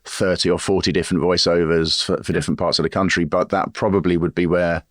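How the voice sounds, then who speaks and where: A man with a very deep voice hosts a podcast interview in a dry, close recording. His questions run long and wind around, full of restarts and hesitations. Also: level tone, fast, no echo. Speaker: podcast host.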